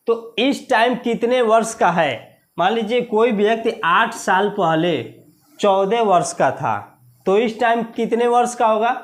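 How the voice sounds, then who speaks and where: In an exam-prep video lesson, a man with an Indian accent and a high-pitched voice teaches maths. He repeats key words slowly and puts questions to the class.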